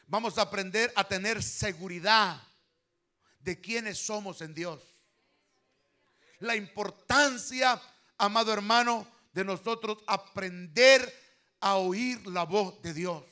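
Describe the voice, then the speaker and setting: A man preaching a sermon as pastor, fervent, swelling loud on key phrases and calling his listeners brother. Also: high voice, slow pace.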